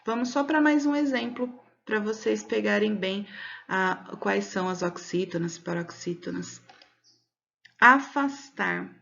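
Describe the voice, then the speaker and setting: A Brazilian woman teaching a recorded lesson for children, explaining patiently step by step and slowly stretching out words to mark the stressed syllable. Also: medium pitch, gravelly, fairly bright tone, lo-fi sound. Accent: Brazilian Portuguese. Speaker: schoolteacher.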